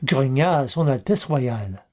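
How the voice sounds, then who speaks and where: A woman reading a story aloud as narrator, expressive, with every speaker acted out in turn. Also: extremely low pitch, takes it slowly. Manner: expressive, acting out each speaker.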